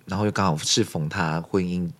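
A man's voice: low-pitched, a little fast. A man co-hosting a casual podcast chat, telling stories animatedly and acting out the dialogue. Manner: animated storytelling, acting out quoted dialogue, frequent laughter. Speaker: podcast co-host.

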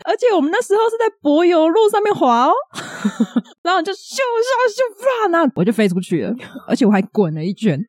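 A woman, co-hosting a podcast and telling a childhood story in casual, animated chat with frequent laughter. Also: high-pitched, fairly quick, slightly rough, no room sound, studio quality. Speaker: podcast co-host.

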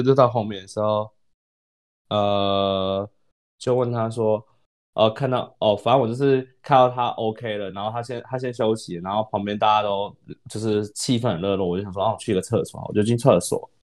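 Fast-talking Taiwanese man, low voice. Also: darkish tone. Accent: Taiwanese Mandarin. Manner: rambling, self-correcting, mixes in English words, laughs often. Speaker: podcast co-host. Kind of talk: casual storytelling chat.

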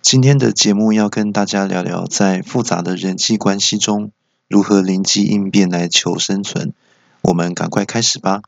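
A man tells comic stories in an easygoing way. His voice is low and gravelly. The recording is dry and a little lo-fi. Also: fairly even intonation, moderate pace, no echo. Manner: easygoing joke-telling narration. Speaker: podcast host. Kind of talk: comic storytelling monologue.

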